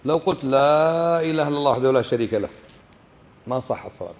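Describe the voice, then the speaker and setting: A man's voice: mid-range voice, animated, fast, long reverb tail. A man with a Kuwaiti Arabic accent teaching a religious lesson, often questioning the class and demonstrating how words are pronounced. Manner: asks the class frequent questions and demonstrates pronunciations. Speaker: sheikh teaching fiqh. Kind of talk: religious lesson explaining a book.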